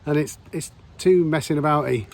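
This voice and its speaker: A man chatting casually to camera as he metal detects in a pasture field, self-deprecating and quick to exclaim. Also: on the high side, sing-song, darkish tone. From United Kingdom. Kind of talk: casual self-filmed commentary. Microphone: chest cam or handheld camera.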